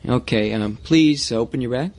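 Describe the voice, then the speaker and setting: A man's voice: mid-range voice, a little slow, a little mellow, lightly acted. A man with a General American accent playing a matter-of-fact customs officer in a scripted lesson dialogue, with small hesitations.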